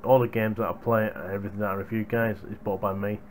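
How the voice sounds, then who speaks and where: A lowish male voice in a level tone moves fast as this young man chats casually with viewers about hardware. His gaming headset's boom microphone, used in a small room at home, picks up slight background noise.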